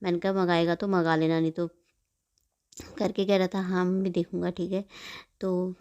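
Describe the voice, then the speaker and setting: A middle-aged woman vlogger who talks quickly and rambles while narrating her morning cooking and chores. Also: fairly low pitch, level tone, warm tone, clear, resonant tone, dull audio. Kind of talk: chatty voice-over about her morning cooking.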